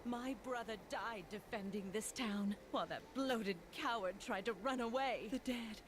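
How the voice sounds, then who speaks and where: A woman's voice: fairly high pitch, a little slow, background noise, natural voice. An actress playing a bitter, grieving townswoman in a fantasy video game. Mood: bitter grief. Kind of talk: video game character acting.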